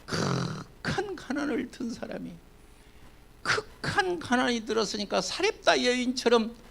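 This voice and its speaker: A man in his seventies with a Jeolla accent, a pastor preaching a sermon, swinging between loud declaiming and hushed folksy asides. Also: very high-pitched, vocal fry. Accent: Jeolla Korean. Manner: folksy, colloquial storytelling.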